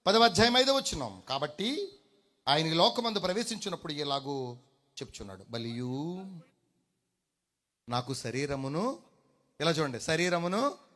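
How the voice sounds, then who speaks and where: Male preacher, animated high delivery, hushed-to-loud swings, drawn-out emphasis. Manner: mixes in English phrases, addresses the congregation directly. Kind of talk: sermon.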